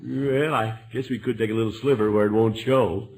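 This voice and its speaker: The Great Gildersleeve, actor as blustery genial uncle. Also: male voice, on the low side, steady tone, normal speed, heavy background noise, close to an everyday voice. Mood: genial, bustling. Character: genial, blustery middle-aged uncle, jovial family man. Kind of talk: 1950s radio comedy acting.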